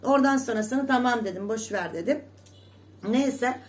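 A woman's voice: fairly high pitch, moderate pace. A woman vlogger in a casual monologue to her viewers, scolding and indignant, repeating herself with emphatic oaths.

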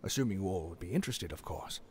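A man's voice: low-pitched, expressive, fast talker, darkish tone. Man doing a formal male official. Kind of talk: audiobook character voice.

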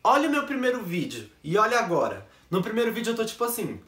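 A man's voice: high voice, wildly swooping pitch, fast talker, fairly bright tone. Chatty young man in an echoey room. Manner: jokey, chatty, self-mocking. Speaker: YouTuber. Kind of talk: casual vlog chat to camera. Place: bedroom set at home. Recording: echoey room, basic camera mic.

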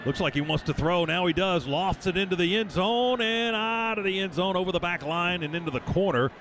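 A man's voice: high voice, animated, brisk, fairly bright tone. A man calling American football as a radio play-by-play announcer, in clipped, vivid running phrases. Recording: stadium radio broadcast, clear background noise.

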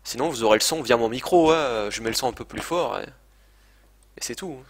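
At a medium pitch and normal speed, a man gives casual live commentary on the video game he's streaming. He's talkative yet hesitant, swears, and makes fun of himself, recorded on a desk microphone with the game sound coming from speakers.

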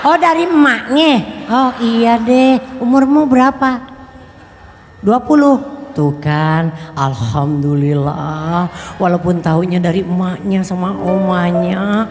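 A woman's voice: on the low side, slow, big-room sound. An older woman singer chatting with her audience from a festival stage, teasing and laughing, with a live band behind her. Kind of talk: playful stage banter with the crowd. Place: concert stage at a music festival. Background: live band music.

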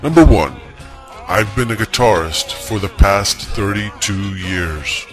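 A man in his forties talking to viewers in a slow, wry monologue, his voice altered into a disguised deep voice. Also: lively intonation, a bit bright, soft background music. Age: 40s. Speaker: vlogger.

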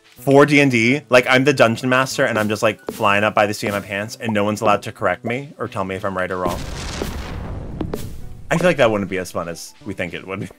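Quick-paced and lowish in pitch, this young American streamer games from a small home room, chatting away, telling animated stories, and reading chat aloud. Game music can be heard faintly behind him.

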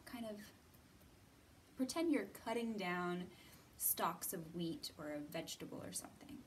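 Background hiss from a distant mic accompanies an American woman in her thirties hosting storytime in an indoor library room. A children's librarian, she uses a lowish, expressive voice at a slightly slow pace, giving simple, encouraging, instructional phrases.

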